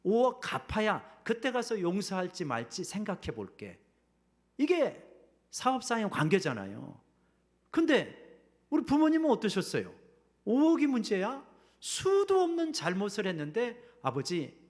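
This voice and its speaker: A man's voice: sits high, huge pitch swings, a little slow. A middle-aged man preaching a sermon as senior pastor in a church, acting out quoted voices and dropping to a whisper at key lines. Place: church sanctuary.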